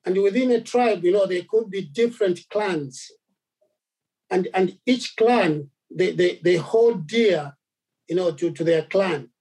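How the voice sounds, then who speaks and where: A man from Zambia preaching a sermon, halting, with many repeated words and fillers. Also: high voice, warm tone, slightly rough, rough recording.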